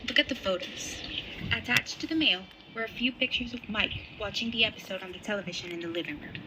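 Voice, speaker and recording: A woman reading a scripted horror story in an even, measured way. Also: mid-range voice, heavy background noise. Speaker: narrator. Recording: music playing underneath.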